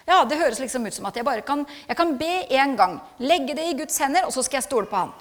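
A woman's voice: high-pitched, animated. A middle-aged woman giving an earnest, reflective personal testimony in a sermon, hesitating with fillers, then building to emphatic passages. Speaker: speaker giving a church testimony. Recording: long hall reverb.

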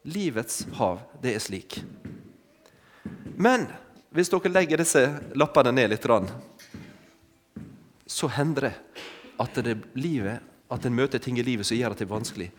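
A man's voice: medium pitch, lively intonation, long pauses, slight background noise. A man preaching an interactive sermon with props, calling volunteers forward and coaxing them with short repeated commands. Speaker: preacher leading an object lesson with volunteers. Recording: long hall reverb.

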